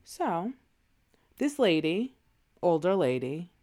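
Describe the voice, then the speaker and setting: Low-voiced woman telling stories. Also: big pitch swings, slow pace, mellow. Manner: chatty storytelling, laughs often. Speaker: podcast co-host. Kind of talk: casual chat.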